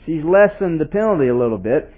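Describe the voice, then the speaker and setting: A man's voice: on the high side, animated, fast. A man preaching an expository sermon in a conversational way, asking his listeners questions and reading scripture aloud with emphasis. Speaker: pastor. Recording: tinny phone-like sound.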